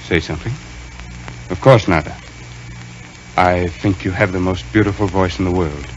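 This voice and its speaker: An actor playing a suave, commanding magician in a 1940s radio serial, speaking in a formal, measured, theatrical way. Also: male voice, sits low, faint music behind, close to an everyday voice. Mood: guarded, courteous. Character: suave, commanding male stage magician hero, coolly confident. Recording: noisy vintage 1940s radio recording.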